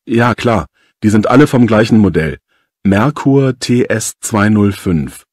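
A man acts out a courteous gym manager in a scripted customer call. His voice is lowish and husky, explanatory in manner, recorded dry. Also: animated, unhurried, a little mellow, dry recording. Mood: polite, concerned. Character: polite male gym manager phoning about a fault. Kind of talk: scripted phone dialogue for language lesson.

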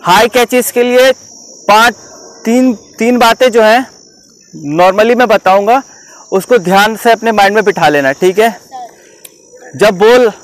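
A man's voice: high voice, low-quality recording. A male cricket coach giving an outdoor fielding demonstration to a group of students. He explains step by step and keeps checking whether they have understood. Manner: instructive, repeatedly checks understanding.

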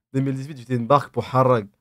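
His medium-pitched voice is a bit bright, recorded dry with clean studio sound. He's a live streamer in his twenties with a lisp on his s sounds, casually teasing his chat as he reads and answers comments in slang from a desk in a small, dim room.

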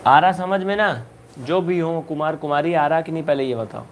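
In a live online class, a man teaching basic algebra speaks briskly and coaxingly, his voice high for a man. This maths teacher urges students to answer fast, sometimes scolding them playfully, and a little hiss or hum is audible.

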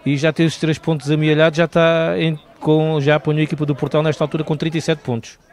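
A man's voice: fairly high pitch, flat delivery, quick pace, darkish tone, a little hiss or hum. A man with a European Portuguese accent giving football match commentary and analysis, often rephrasing his points. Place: outdoors at a football ground.

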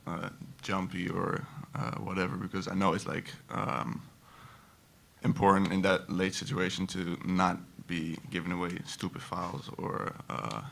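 A young man, a college basketball player, answering press conference questions in a halting way with many fillers and restarts, into a table microphone. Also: sits low, flat delivery, creaky, fairly bright tone. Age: young adult.

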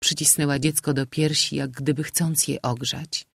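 A man reading a novel aloud as an audiobook narrator, in a measured, expressive manner. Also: fairly high pitch, gravelly, breathy edge, no echo, studio quality.

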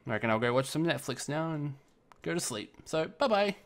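A streamer chatting casually while gaming, excitable and quick to grumble or gush. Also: mid-range voice. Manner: excitable, swings between grumbling and gushing. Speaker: streamer playing a team shooter.

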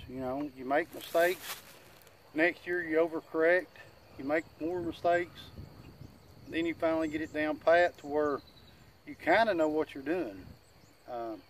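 Country man talking with tobacco in lip. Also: fairly high pitch. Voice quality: slightly muffled speech from chewing tobacco in the lip. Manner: plain-spoken, self-deprecating country talk. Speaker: gardening channel host. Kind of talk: casual, folksy advice talk to camera. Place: outdoors in a wooded yard. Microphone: camera a few feet away. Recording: outdoor insect and nature noise.

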